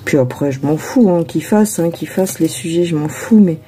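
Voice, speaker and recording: A woman's voice: low voice, fairly quick, warm tone. A woman tarot reader chatting casually before a reading, rambling with many hesitations and asides to herself.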